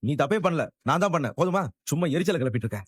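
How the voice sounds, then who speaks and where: A hot-tempered, sarcastic boyfriend. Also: male voice, fairly high pitch, animated, racing, husky, no room sound, studio quality. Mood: angry. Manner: angry, sarcastic, dismissive. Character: hot-tempered young man snapping at his girlfriend. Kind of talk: TV serial acting.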